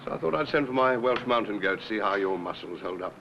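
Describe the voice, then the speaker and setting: An actor playing a wry senior British detective in a 1970s television drama, speaking in a clipped, dryly authoritative way. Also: male voice, on the low side, expressive, fast talker, creaky. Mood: dry, teasing. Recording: dull, noisy 1970s television location sound.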